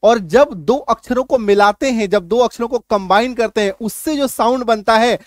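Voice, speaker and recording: A male English teacher giving a video lesson in Hindi, drilling letter sounds loudly and asking rhetorical questions to check understanding. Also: very high voice, moderate pace, no room sound. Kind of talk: classroom-style video lesson.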